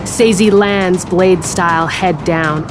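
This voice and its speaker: A woman with a lowish voice reads scripted fantasy narration slowly for an audio drama. A prominent music bed plays behind her.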